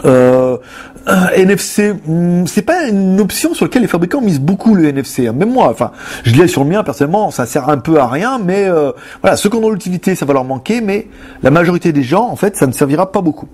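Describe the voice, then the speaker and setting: A young adult man answers viewer questions in a loose, rambling, joking way. His voice is husky and slightly high, and his pitch swings around a lot. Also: very animated, a little fast, darkish tone. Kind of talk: casual chat.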